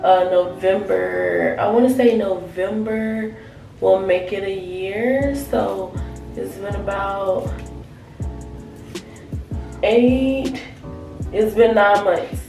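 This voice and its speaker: A woman's voice: medium pitch, drawn-out words, vocal fry, pauses often, darkish tone. A young woman who sounds under the weather, chatting casually and informally to the camera in a hair tutorial. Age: young adult. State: sick, with an affected voice. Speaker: natural hair vlogger. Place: small tiled home bathroom, indoors. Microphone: camera mic a short distance away. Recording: echoey bathroom, distant mic, music behind.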